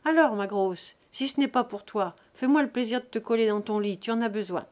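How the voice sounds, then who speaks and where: A woman's voice: on the high side, animated, moderate pace, a little mellow, close to an everyday voice. A woman reading an audiobook voices a jovial, blunt country veterinarian who scolds the farmers in a hearty, brusque way. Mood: jovial scolding.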